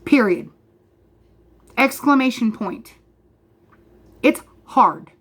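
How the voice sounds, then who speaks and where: Vlogger, woman, 30s, passionate and emphatic, addresses viewer directly, voice on the high side. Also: lively intonation, extremely slow, slightly rough. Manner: emphatic, repeats points, talks straight to the viewer. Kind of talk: passionate direct-to-camera rant.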